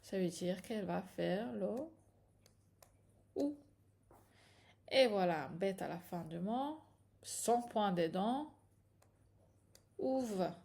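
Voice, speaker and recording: A woman who teaches a reading lesson step by step, patiently checking in with her students as she goes. She speaks slowly and unhurriedly. Her voice has a gravelly, fry-tinged texture at a medium pitch. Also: animated, a little mellow. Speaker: Hebrew teacher.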